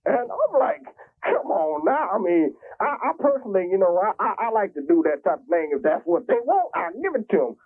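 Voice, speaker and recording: A Jamaican man phones in to a public access show and launches into a crude, profane, boastful rant that rambles on. His voice is high-pitched with big swings in pitch, a little fast, coming through a tinny phone line.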